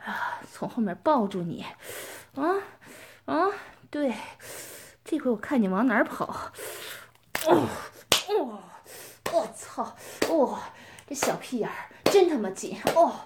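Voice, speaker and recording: A woman's voice: on the high side, lively intonation, slow pace, long pauses, a little mellow, full character voice. A woman playing a bossy possessive older schoolmate. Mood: domineering. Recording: noisy recording with clicks.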